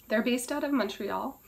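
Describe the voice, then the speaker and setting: A Canadian beauty vlogger chats casually through a product review in a high-sitting voice that is hoarse and cracking, which she says she is losing. She keeps clearing her throat as she talks.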